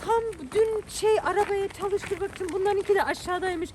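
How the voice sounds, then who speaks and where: A woman's voice: very high voice, moderate pace, noisy background. A woman, a mother in a family vlog, chatting casually with her family in Turkish as spoken in Germany.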